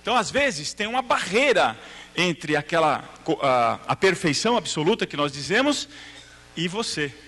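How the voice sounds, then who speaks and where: A man lectures a live audience on a spiritual theme in a bright, somewhat high voice. He tells stories, acts out the dialogue and keeps checking in with his listeners. The sound carries a long reverb from a large hall. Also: big pitch swings, normal speed. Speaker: lecturer at a religious talk.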